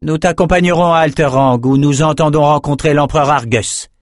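A man's voice: fairly high pitch, steady tone, brisk, no echo, clean studio sound, voice pushed up, close to an everyday voice. A man voicing a determined young sorceress who speaks in a raised, firm and assertive voice.

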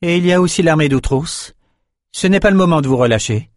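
A man's voice: on the high side, animated, a little fast, dry recording, studio quality, voice pushed up, natural voice. A man voicing a cold, stern young sorceress who speaks curtly and icily. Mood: cold firm. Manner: curt and icy.

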